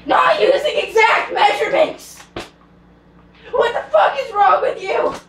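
A woman playing a hot-tempered, foul-mouthed young Italian man in an amateur cosplay comedy skit, snapping in loud outbursts, filmed by a far camera in a home kitchen. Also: very high voice, lively intonation, a little slow, echoey room, a little hiss or hum, heavily acted. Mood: irritable. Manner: swears and snaps in loud outbursts.

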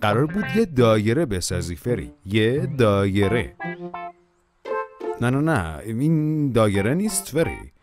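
A man's voice: mid-range voice, sing-song. A man narrating a children's cartoon, talking to the characters in a playful, coaxing way. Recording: music playing behind the voice.

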